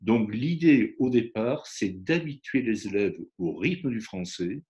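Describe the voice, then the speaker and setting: Lively French phonetics professor explaining. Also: male voice, lowish voice, a little slow, muffled recording. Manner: lively, demonstrates pronunciation examples. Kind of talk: explanatory interview talk.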